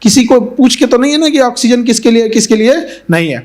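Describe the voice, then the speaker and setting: A teacher giving an earnest motivational speech to students, repeating key points and mixing in English phrases. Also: male voice, very high-pitched, expressive, fast talker, a little mellow.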